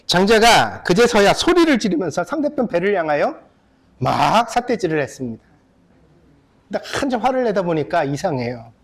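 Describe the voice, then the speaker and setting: Animated high-voiced male pastor. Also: normal speed. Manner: animated, addresses the congregation directly, acts out characters. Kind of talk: sermon storytelling. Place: church sanctuary.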